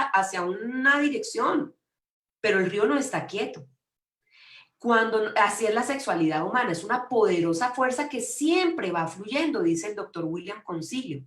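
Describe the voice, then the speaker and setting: A woman giving a conference lecture, speaking emphatically and often restarting her sentences. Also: medium pitch. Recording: echoey room.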